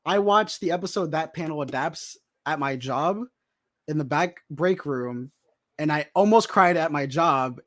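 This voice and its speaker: A man chatting casually as a podcast guest, excitable and rambling, with many restarts. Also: a little high, a little slow. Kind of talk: casual chat.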